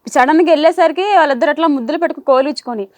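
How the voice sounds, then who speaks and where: Brief: woman, high and quick, pleading and insistent, dry close mic. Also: no echo. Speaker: complainant on a dispute show. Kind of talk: tearful testimony.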